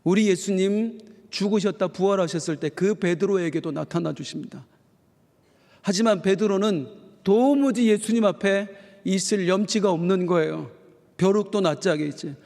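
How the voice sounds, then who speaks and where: High gravelly pastor in a reverberant hall. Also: male voice, normal speed. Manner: folksy, animated storytelling with acted quotes. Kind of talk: sermon. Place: church sanctuary. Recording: long church hall reverb.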